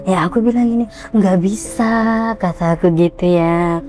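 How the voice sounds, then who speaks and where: Girl telling a ghost story all worked up, mellow tone, faint music behind. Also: lowish voice, normal speed. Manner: excited, animated, acts out quotes. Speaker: guest storyteller.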